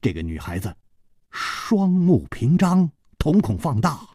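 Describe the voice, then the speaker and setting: A middle-aged man narrating a martial-arts tale in traditional Chinese storytelling style, slow and dramatic. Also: a little high, very animated, darkish tone, breathy edge, no echo, clean studio sound. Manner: slow, dramatic, varied delivery.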